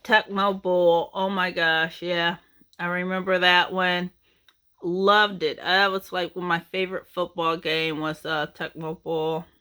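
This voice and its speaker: A woman's voice: on the low side, level tone, takes it slowly, bright, forceful tone, smooth. A middle-aged woman rambling nostalgically about her game collection in a casual chat, with lots of ums and uhs. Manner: rambling, nostalgic, many fillers.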